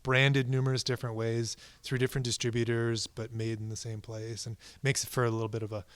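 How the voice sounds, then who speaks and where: A male co-host speaking in a calm, measured manner about guitar gear. His sound is dry and close to the mic, with no room around it, and he sometimes restarts a phrase as he thinks. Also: mid-range voice, clear, resonant tone, no room sound. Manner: measured, thoughtful, some stammered restarts. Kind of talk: casual gear chat.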